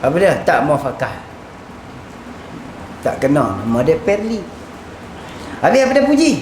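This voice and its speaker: A male religious teacher with a Kedah Malay accent, giving an animated kitab lesson and acting out little dialogues. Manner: animated, acts out little dialogues, lively pitch swings. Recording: echoey room with faint ambient noise.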